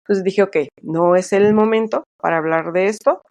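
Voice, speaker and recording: A middle-aged woman speaking as an author being interviewed, in a chatty, casual manner with many fillers and lively quoted dialogue. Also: mid-range voice, moderate pace, no room sound.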